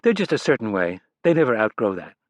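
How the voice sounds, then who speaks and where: A man's voice: on the low side, very animated, fast, no echo. A man reading an audiobook, voicing a chatty, upbeat young female magician who brushes off worries. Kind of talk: audiobook character voice.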